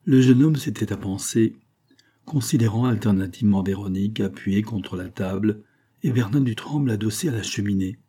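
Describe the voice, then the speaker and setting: A male audiobook narrator reading a classic novel in a measured, dramatic way. His voice sits low and has a dark, mellow tone. A breathy huskiness runs through it.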